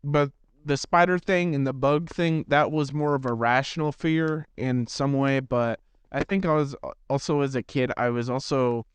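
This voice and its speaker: A man's voice: medium pitch, steady tone, normal speed, clean tone, no room sound. A teenage boy hosting a gaming channel, telling a rambling, self-deprecating story in casual chat with lots of restarts. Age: teens.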